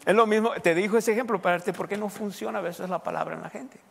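Emphatic pastor in a reverberant hall. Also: male voice, high voice, fast, creaky, husky. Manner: conversational preaching with loud emphatic bursts. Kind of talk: sermon.

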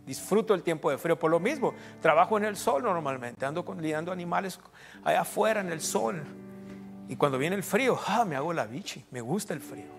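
A man's voice: fairly high pitch, expressive, a little fast, vocal fry. A middle-aged man preaching a sermon as pastor, in a casual joking way, breaking into short prayers and amens. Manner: informal, joking asides with prayer interjections. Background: soft instrumental music.

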